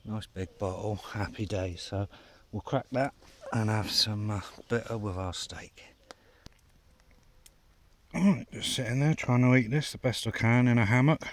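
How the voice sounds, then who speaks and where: A man's voice: on the low side, measured pace. A man vlogging from his hammock at a night camp, chatting casually with lots of fillers and banter. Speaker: bushcraft vlogger. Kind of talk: casual outdoor vlog chat.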